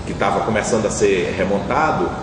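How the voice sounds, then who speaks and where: Man, middle-aged, low-ish voice, reflective oral-history talk, far from the mic, echoey room, air conditioning hiss. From Brazil. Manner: measured, reflective, with frequent tag questions. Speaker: interviewee. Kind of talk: recalling past events, oral history. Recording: distant, echoey, noisy room.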